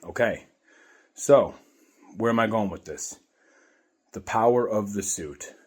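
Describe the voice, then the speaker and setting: A man with a fairly low voice tells a story from his day, talking casually and earnestly. He rambles a bit and repeats himself as he goes. He sounds middle-aged and speaks straight to his viewers. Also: slow pace, husky. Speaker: vlogger.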